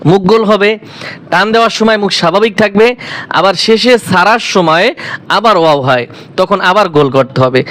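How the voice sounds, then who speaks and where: A male Quran teacher giving a lesson on letter pronunciation. He speaks patiently, drawing letters out slowly and asking questions before he answers them. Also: high-pitched, fairly bright tone. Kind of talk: recitation lesson.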